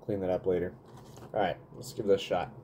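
A man in his thirties chats casually through a food review, with a lowish, mellow voice. He hums between bites. The sound comes from a desk webcam in a small indoor room, with faint background noise. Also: flat delivery, brisk. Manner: chatty, eating while talking, smacking and humming.

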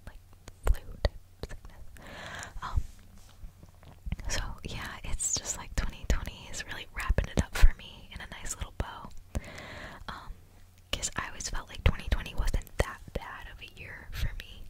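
In this low-quality ASMR vlog, a twenty-something woman speaks at normal speed in a soft, unvoiced whisper, very close as if in your ear. Her chatter is casual, rambling, hesitant and confiding. She's indoors in a small, dim room at home, using a binaural desktop condenser mic placed right at her mouth.

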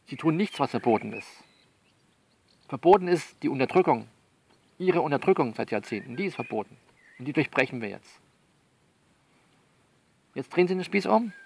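Performing his own audio novel, a man speaks in a fairly high voice with vocal fry over slight background noise. His improvised, conversational monologue is one-sided, nudging and ordering a listener around with frequent repetition.

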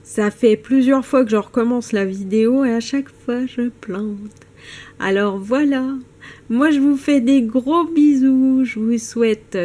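Slow, hesitant woman vlogger. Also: on the high side, mellow. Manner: hesitant, stumbling with many fillers and restarts. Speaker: vlogger presenting stones. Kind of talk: casual show-and-tell vlog.

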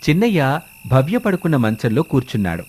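A man giving steady, measured scripted narration for an animated moral story. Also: mid-range voice, husky.

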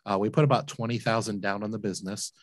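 This lowish, steady male voice moves fast with no echo. He's a business owner in his forties, a laundromat entrepreneur appearing as a guest on a video call interview, recounting his story earnestly and emphatically and repeating words when emotion hits. He sits indoors in a home room, using a large desk mic and headphones.

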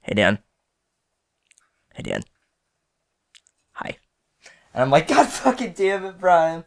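A man's voice: on the high side, huge pitch swings, slow pace, gravelly, heavily acted. A man doing an impression voice of a laid-back gaming-show host, telling a casual, rambling anecdote. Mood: relaxed, exasperated.

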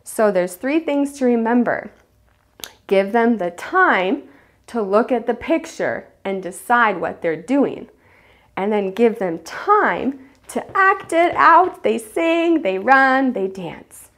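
A woman teacher explaining a classroom game for small children, acting out the children's shouts and whispers. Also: a little high, slow. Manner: animated, acts out children's voices. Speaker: preschool teacher. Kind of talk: teaching demonstration.

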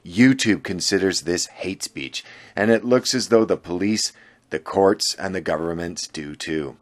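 A man's voice: low-pitched, measured pace. Sardonic man narrating commentary. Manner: sardonic, indignant. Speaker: channel host. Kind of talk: scripted political commentary voice-over.

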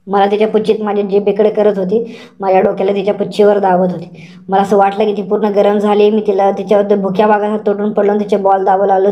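Flat, mellow woman telling a story. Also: mid-range voice. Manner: slow, repetitive storytelling with words said over and over. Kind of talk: first-person erotic story narration.

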